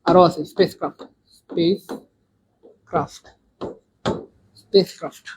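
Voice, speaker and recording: A man with a Bangladeshi Bengali accent teaching an English exam lesson live online, repeating and drilling words and swinging between loud and soft. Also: sits high, fast, noisy background.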